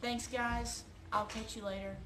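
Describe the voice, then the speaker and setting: A woman's voice: fairly high pitch, fairly even intonation, unhurried, fairly bright tone. Emphatic woman vlogger, roomy echo. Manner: emphatic and rallying, repeats key words. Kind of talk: direct-to-camera vlog and announcement. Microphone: phone or camera close to her face. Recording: roomy echo, faint background hiss.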